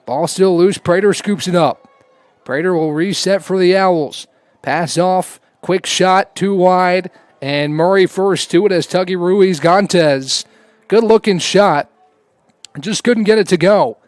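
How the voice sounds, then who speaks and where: A man's voice: high-pitched, slow pace, dry recording. A man giving live play-by-play commentary on a lacrosse game. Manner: raises voice to a shout on goals.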